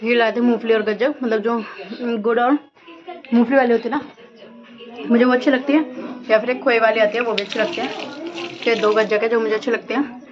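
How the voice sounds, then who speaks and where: A woman's voice: on the high side, steady tone, a little fast, long pauses, lo-fi sound, over music. A woman in her thirties, chatting casually and rambling while she shows her day and cooks at home. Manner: chatty, rambling, self-deprecating. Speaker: home vlogger. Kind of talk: casual home vlog with cooking.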